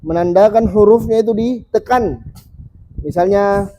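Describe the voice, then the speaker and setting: Seorang guru mengaji pria yang mengajar kelas dengan sabar, mengulang bunyi huruf perlahan untuk murid-muridnya. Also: male voice, high voice, dark tone, a little hiss or hum, rough recording. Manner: patient, repeats sounds slowly for students. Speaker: Quran reading teacher. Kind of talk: teaching a class.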